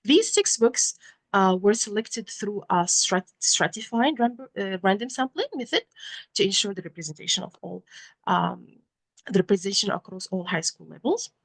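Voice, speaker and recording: A woman with a Moroccan accent presenting research at an academic conference in a halting, often self-correcting way. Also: medium pitch, animated, creaky, husky, low-quality recording. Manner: hesitant, halting delivery with frequent self-corrections.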